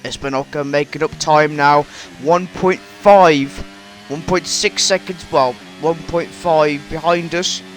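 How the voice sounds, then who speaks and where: A man commentating his own racing game run, halting and full of fillers, then bursting into shouting excitement, his voice straining. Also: fairly high pitch, soft background music, rough recording. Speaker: gaming YouTuber commentating his own race. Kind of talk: excitable race commentary over gameplay.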